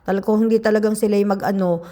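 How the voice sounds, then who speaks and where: Chatty slightly hoarse woman. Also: medium pitch, fairly even intonation, racing, dark tone, big-room sound. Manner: chatty, gossipy storytelling to viewers. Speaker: food vlogger. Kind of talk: casual eating vlog chat.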